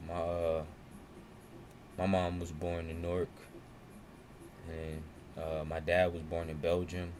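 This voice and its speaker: A young man, co-hosting a casual podcast and telling stories in a relaxed, slang-heavy way. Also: deep voice, slow pace, pauses often. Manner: laid-back slang-heavy storytelling. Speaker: podcast co-host. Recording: noisy room ambience.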